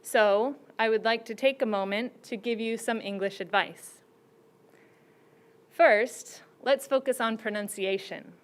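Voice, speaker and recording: Higher-voiced woman giving contest advice. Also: clear, resonant tone. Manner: slow, deliberate, teacherly, with rhetorical questions. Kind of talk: prepared speech to students.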